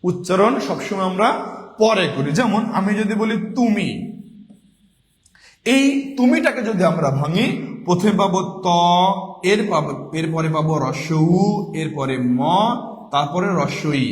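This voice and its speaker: High-voiced male teacher, echoey room. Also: a little slow, pauses often. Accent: Bangladeshi Bengali. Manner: drills students with repeated questions and answers. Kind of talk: online exam-prep grammar lesson. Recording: echoey room with long reverb.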